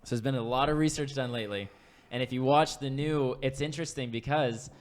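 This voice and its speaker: A man of middling pitch co-hosting a casual podcast. He rambles along with plenty of fillers and restarts. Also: fairly quick. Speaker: podcast co-host. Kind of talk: casual chat. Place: podcast studio.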